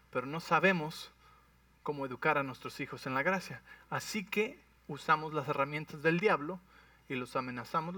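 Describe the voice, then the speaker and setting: A man preaching a sermon as a pastor, animated and often checking in with his listeners. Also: fairly high pitch, no room sound, recorded from a distance.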